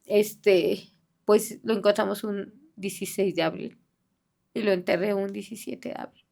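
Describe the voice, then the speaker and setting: A middle-aged woman speaking in a halting, soft-spoken way, with many fillers and restarts, as a bereaved mother giving an interview. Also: medium pitch, steady tone, gravelly. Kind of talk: personal testimony in an interview.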